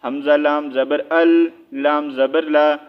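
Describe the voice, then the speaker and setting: A man gives a step-by-step Quran recitation lesson, fairly high-pitched and flat in tone. He explains in quick asides and then draws out each syllable slowly. The recording sounds dull and lo-fi. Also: clear, resonant tone. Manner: checks in with frequent "theek hai". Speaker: Quran teacher.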